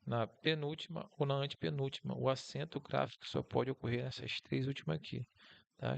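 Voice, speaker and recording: A Brazilian man with a Brazilian Portuguese accent and a gravelly, medium-pitched voice teaches a casual online lesson. He talks through slides in an encouraging way.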